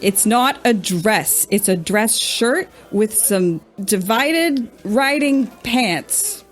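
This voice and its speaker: A woman's voice: fairly high pitch, animated, drawn-out words. Cocky woman in tabletop role-play. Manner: cocky, teasing. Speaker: player.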